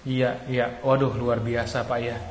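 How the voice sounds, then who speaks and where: A man's voice: medium pitch, level tone, measured pace. A man hosting as a pastor, interviewing a guest attentively with frequent murmured affirmations. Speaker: pastor and podcast host. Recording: echoey room with faint ambient noise.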